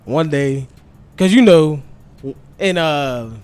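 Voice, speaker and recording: A man in his thirties co-hosting a casual podcast, a lively storyteller who laughs and acts out voices. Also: a little high, drawn-out words, smooth, no room sound. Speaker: podcast co-host.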